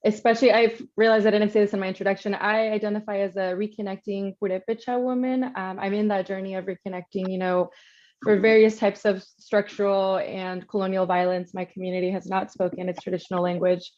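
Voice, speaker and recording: A woman's voice: medium pitch, flat delivery, brisk, darkish tone. A woman from Washington State speaking earnestly and humbly as a panelist over a video call, with ums. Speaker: panelist, activist. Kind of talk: casual panel talk. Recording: muffled call audio.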